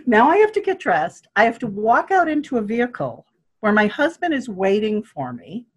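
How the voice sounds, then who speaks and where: An older woman telling a personal story in a casual, animated way, acting out quoted voices and laughing often. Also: on the high side, normal speed, slightly rough. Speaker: guest telling her birth story.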